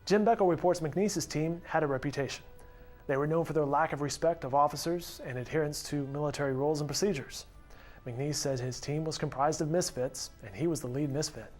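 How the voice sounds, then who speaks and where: A man narrates a scripted news feature as its reporter. His voice sits a little high, and music plays behind him. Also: fairly quick, a little mellow.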